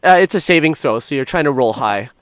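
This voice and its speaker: A man acting as game master, improvising narration for a tabletop game in halting, hesitant phrases. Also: medium pitch, expressive, no echo.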